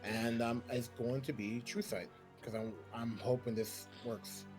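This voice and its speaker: A man's voice: mid-range voice, fairly even intonation, a little slow. A man chatting casually as a player in a tabletop game, informally thinking aloud about his moves. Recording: music behind the voice.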